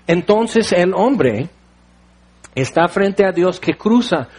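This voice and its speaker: A man's voice: high voice, animated, takes it slowly, a little mellow, husky. A man with a Mexican accent preaching a sermon, telling stories with everyday analogies and firing off rhetorical questions. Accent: Mexican Spanish.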